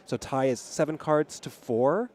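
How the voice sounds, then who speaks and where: A man's voice: mid-range voice, measured pace, darkish tone, a little hiss or hum. A man giving analytical play-by-play commentary on a card game tournament. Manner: analytical, counting out plays.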